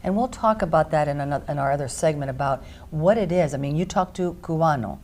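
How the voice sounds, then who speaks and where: A woman's voice: sits low, fast, a little mellow. A woman hosting a talk radio show, pressing her points in emphatic lists.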